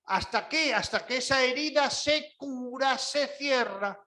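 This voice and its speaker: A man's voice: extremely high pitch, a little slow, pushed and bright. A male preacher giving a spoken reflection on grief, talking emphatically and acting out the voices of people who suffer.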